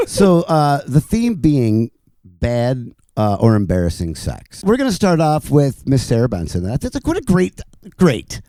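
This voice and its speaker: A man hosts a casual comedy podcast and quizzes his guest about her story. His pitch swoops up and down in a lively way. He is eager and cheers her on with plenty of swearing. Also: unhurried, no room sound, clean studio sound. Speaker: podcast host.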